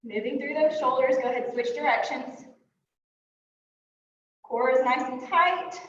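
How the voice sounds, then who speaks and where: A high-voiced woman fitness instructor calls out upbeat workout cues as she moves through the exercises, a little winded, dropping in fillers between moves. She stands away from the mic in a strongly echoing studio, and the sound is dull with a faint hiss. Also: a little slow, fairly bright tone. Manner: upbeat cueing with frequent "um" fillers; talks while moving and exercising. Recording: echoey room, distant mic, dull sound.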